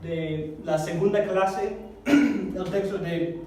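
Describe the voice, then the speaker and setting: A man teaching a Greek class, explaining slowly and carefully, repeating words and correcting himself as he goes. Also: high voice, warm tone. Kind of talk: classroom lesson. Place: church classroom. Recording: echoey room recorded from a distance.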